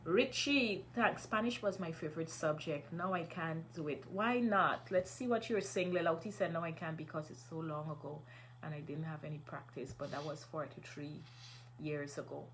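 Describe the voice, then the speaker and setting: A woman's voice: low voice, moderate pace, a bit bright, a little hiss or hum. A middle-aged Guyanese woman hosting a live stream, chatting casually, reading viewer comments and encouraging her listeners. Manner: encouraging, motivational.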